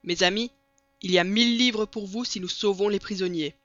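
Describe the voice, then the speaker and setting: A reader voicing a cool, resolute gentleman. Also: mid-range voice, dry recording, natural voice. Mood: calm resolute. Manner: cool, measured, reserved. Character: calm resolute English gentleman. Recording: dull lo-fi recording.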